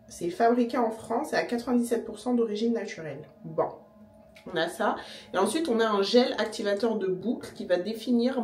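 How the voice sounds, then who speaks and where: A young woman chatting casually to camera in her vlog, slangy and relaxed, sometimes talking with her mouth full. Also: medium pitch. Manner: chatty, slangy, talks while eating. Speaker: vlogger. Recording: echoey room, voice a bit distant.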